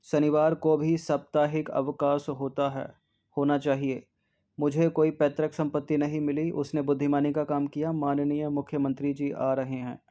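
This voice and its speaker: A man working through test answers as a tutor, dwelling on each spelling and saying it twice. His voice sits a little high but stays flat and even. The tone is mellow and soft rather than bright. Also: highs cut off. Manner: drills spellings slowly, repeats words, frequent "ठीक है". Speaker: Hindi exam tutor. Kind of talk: test-series answer walkthrough.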